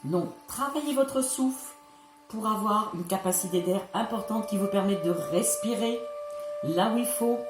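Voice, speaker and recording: A woman vocal coach giving a patient, instructive singing lesson, speaking directly to her viewers. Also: medium pitch. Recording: echoey room with music behind.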